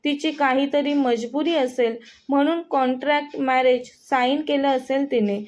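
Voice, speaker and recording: A woman's voice: high voice, fairly even intonation, normal speed, darkish tone, close to an everyday voice. A woman voicing a young husband, flustered and hesitant, musing to himself in a story reading.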